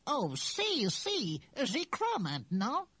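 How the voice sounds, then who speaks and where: A woman's voice: a little high, wildly swooping pitch, takes it slowly, fairly bright tone, breathy edge, dry recording, exaggerated voice. A woman voicing a skeptical, stubborn young boy in a storybook audio drama, talking in a childlike way. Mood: eager.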